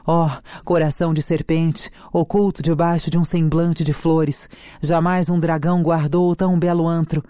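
Reader doing a passionate young noblewoman, slow declamatory delivery, mellow tone, dry sound, read from a play. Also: mid-range voice, flat delivery, no room sound, lightly acted. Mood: anguished. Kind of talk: dramatic reading of a play.

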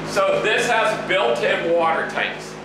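A man's voice: high-pitched, slow. A middle-aged man giving a casual, plain-spoken product walkthrough like a salesman, recorded inside an underground bunker. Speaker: bunker company owner giving a tour. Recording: echoey enclosed space, faint background noise.

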